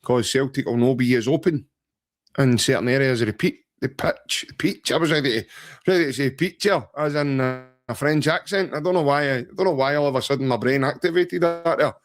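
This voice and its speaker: This Scottish podcast co-host has a medium-pitched voice and speaks a little fast. He jokes around and rambles about football, saying "mate" and "aye" a lot.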